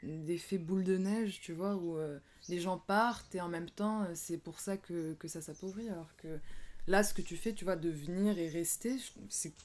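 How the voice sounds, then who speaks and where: A woman's voice: fairly low pitch, normal speed, a little mellow. A woman interviewing a guest, thoughtful and hesitant, with many fillers. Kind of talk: casual interview conversation.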